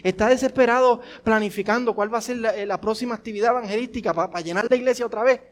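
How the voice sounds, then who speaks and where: A man with a notably high-pitched voice preaches a sermon to his congregation. He fires off rhetorical questions, repeats them, and moves from forceful lines to near-hushed ones. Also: fast. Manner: swings between forceful and hushed delivery. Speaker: pastor.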